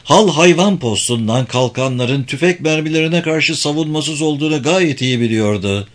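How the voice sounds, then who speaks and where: A man's voice: a little high, moderate pace. Man narrating an audiobook.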